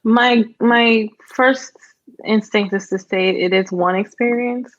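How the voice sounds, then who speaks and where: A woman's voice: fairly high pitch, steady tone, slow pace, highs cut off. A woman advising premed students in a casual chat, thoughtful and a little hesitant, with fillers.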